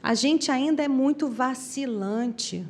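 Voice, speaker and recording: A woman giving a spiritual lecture, telling stories in an animated way. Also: sits high, slow. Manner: animated, lively storytelling.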